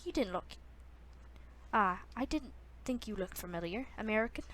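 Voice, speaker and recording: A woman's voice: medium pitch, lively intonation, moderate pace, a bit bright. Girl reading a chill young guy at the register, chatty. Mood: friendly. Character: friendly young Irish shop clerk man.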